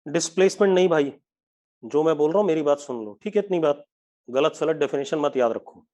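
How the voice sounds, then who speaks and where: A male physics teacher giving an online live class, mixing English terms into his Hindi and dictating definitions slowly while checking whether the students follow. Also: a little high, darkish tone.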